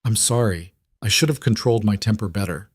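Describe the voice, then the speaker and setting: Guy reading as a blunt young woman guard, short and direct, lowish voice. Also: brisk, no echo, clean studio sound, natural voice. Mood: firm.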